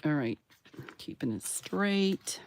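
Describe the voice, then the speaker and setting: A woman with a low, gravelly voice rambles through a bookbinding video on her craft channel, slow-paced but lively in intonation. It's a casual tutorial where she talks to herself as she works, using playful sound words and cheering herself on.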